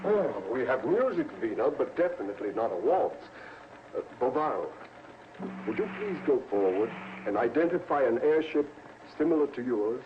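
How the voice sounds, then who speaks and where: A man's voice: mid-range voice, very animated, moderate pace, background noise, close to an everyday voice. A man playing a courteous, slightly fussy professor in a 1950s sci-fi serial. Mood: polite, puzzled. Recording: dull old film soundtrack with music.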